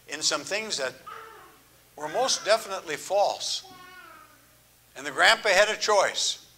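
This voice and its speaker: An older man, a grandfather, preaching a sermon in an earnest, measured way, letting phrases trail off softly. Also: a little high. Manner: earnest, measured, drawn-out phrasing with soft, hushed endings. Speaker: pastor. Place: church.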